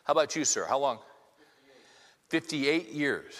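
A pastor in his fifties preaches to his congregation in a church hall, keeping things conversational and firing off many rhetorical questions. His voice is fairly high, a bit bright, and expressive at a measured pace, with the long reverb of a large hall.

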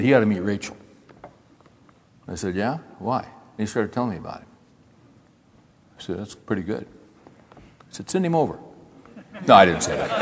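An older man preaching a sermon, folksy and animated, acting out little dialogues and talking straight to his listeners. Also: on the low side, slight background noise. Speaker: pastor. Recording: long hall reverb.

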